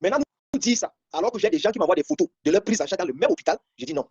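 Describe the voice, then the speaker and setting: A man's voice: sits high, expressive, racing, a little mellow, breathy edge, dry recording, highs cut off. A man from Cameroon hosting an online discussion, commenting on photos and repeating himself in indignation.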